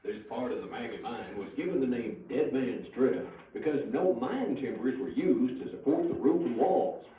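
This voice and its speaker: A man giving scripted tour narration, played over a loudspeaker so it echoes through a mine tunnel. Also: medium pitch, normal speed, few pauses, a little hiss or hum. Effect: cave echo from a loudspeaker playing in a mine tunnel. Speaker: recorded tour guide narrator. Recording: tinny, echoey, distant playback in a mine.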